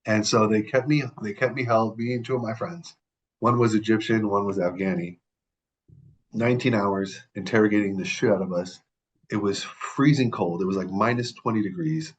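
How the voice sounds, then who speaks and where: Telling personal stories as a podcast guest, a Middle Eastern man talks casually at a moderate pace with a fairly low pitch. He repeats words to make his points and often restarts and corrects himself mid-sentence. The recording is rough, with a little hiss or hum.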